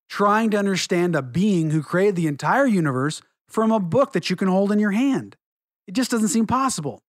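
A man's voice: high voice, no echo. Earnest middle-aged man giving testimony. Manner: earnest, measured, slows for emphasis. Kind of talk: religious testimony and teaching.

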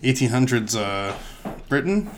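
A man's voice: mid-range voice, big pitch swings, measured pace, slight background noise. A man casually improvising a silly story with a friend, rambling with lots of fillers and laughs.

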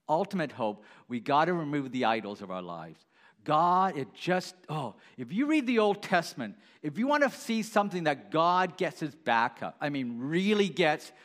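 Male pastor, sermon delivery, animated pitch, chatty, asks the room questions. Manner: conversational, asks the congregation questions, halting restarts.

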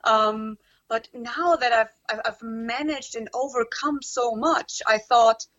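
A woman's voice: a little high, slow pace, a bit bright, muffled recording. A woman raised in Germany, a personal development coach, chatting casually as an interview guest and filling her speech with "like". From born in Romania, raised in Germany. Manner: chatty, frequent "like" fillers.

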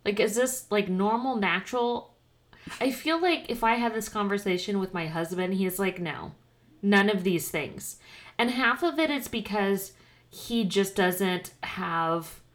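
A woman's voice: medium pitch, expressive, unhurried. A woman in her thirties co-hosting a casual chat, talking in a chatty, self-deprecating way with lots of fillers. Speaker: podcast co-host.

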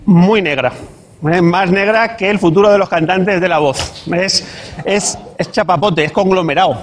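A man's voice: high-pitched, fairly bright tone. A man, doing a punchy stand-up monologue and acting out the voices he quotes. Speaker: stand-up comedian.

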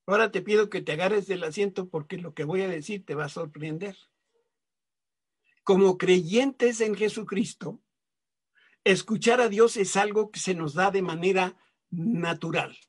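Husky, high-voiced male preacher. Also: a little slow. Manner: folksy, jokey preaching addressed to the listener. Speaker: pastor. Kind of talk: sermon.

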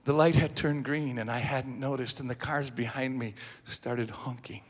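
A male preacher telling a story in a sermon, building dramatically into shouted passages. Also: medium pitch, fairly even intonation, normal speed, slightly rough, big-room sound.

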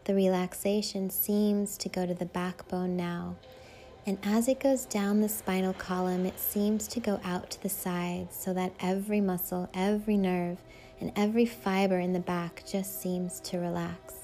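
A woman's voice: on the low side, fairly even intonation, moderate pace, mellow, slight background noise. A woman leading a guided meditation in a soothing, hypnotic way, with lulling, repetitive phrasing. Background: faint music.

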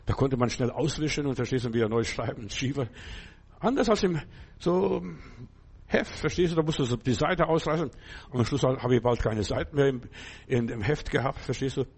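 A man's voice: medium pitch, moderate pace, darkish tone, husky. An older man preaching a sermon in a conversational, emphatic way, often asking his listeners whether they understand.

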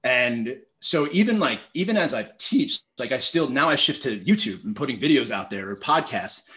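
A podcast guest in his thirties, who teaches public speaking, tells stories in a casual interview, animated and conversational. Speaking at a moderate pace in a mid-range voice, he acts out his own quoted thoughts and leans heavily on the word "like".

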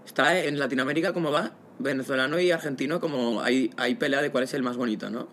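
A man with an accent from Spain, co-hosting a casual podcast chat with autotune on his voice and quick, jokey banter. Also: mid-range voice, a bit bright, a little hiss or hum. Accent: Spanish from Spain. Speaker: podcast co-host, music artist.

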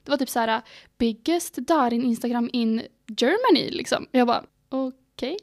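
A teenage girl co-hosting a podcast in casual chat, telling stories excitedly and acting out her own reactions. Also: on the high side, dry recording, studio quality. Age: teens. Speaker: podcast co-host.

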